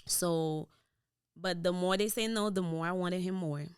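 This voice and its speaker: She's a young woman from Haiti, a podcast guest with a Haitian Creole accent, telling her story in casual conversation and sliding into Creole in the middle of sentences. Her delivery is a little slow with a clean tone, recorded echo-free on a studio boom mic.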